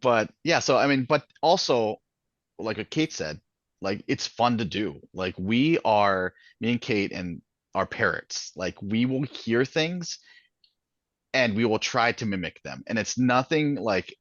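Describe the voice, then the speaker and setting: A Minnesotan man with a Minnesota accent is a guest author in a casual interview, rambling with many fillers and restarts and laughing often. His voice is fairly low, expressive and fairly bright, a little slow, in a lo-fi recording with no room sound.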